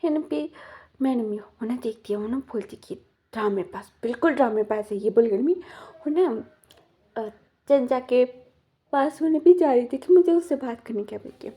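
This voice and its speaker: A woman casually retelling a story, rambling and full of repeated fillers. Her voice sits high and sounds mellow and husky. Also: expressive, moderate pace.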